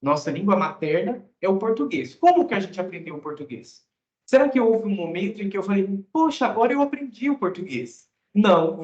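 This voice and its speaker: A man from Mato Grosso, Brazil, working as an English teacher, explaining things to students in a casual, conversational way and often tagging his phrases with a question. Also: high voice. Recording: echoey room, dull lo-fi sound.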